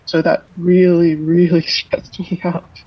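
An anonymous tenant speaking in a halting, stressed way in a news interview, with an electronically disguised voice. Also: medium pitch, level tone, husky, dull audio. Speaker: anonymous public housing tenant. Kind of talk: interview clip in a news report.

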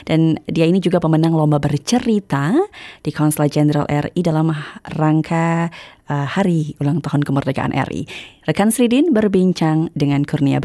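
A woman's voice: low voice, dark tone, no echo, studio quality. A woman presenting a scripted introduction on the radio.

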